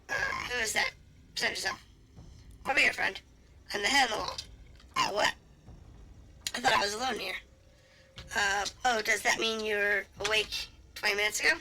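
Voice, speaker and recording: A woman's voice: mid-range voice, pushed and bright, a little hiss or hum. A woman streamer reading a game's dialogue aloud, hesitant and full of fillers, now and then making playful animal noises.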